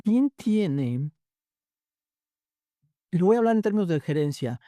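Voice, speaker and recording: A man's voice: sits high, slow, dry recording, studio quality. A man, a university teacher as interview guest, telling stories and acting out quoted students. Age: 50s. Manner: animated storytelling, acts out quoted students. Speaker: guest lecturer. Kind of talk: conversational interview.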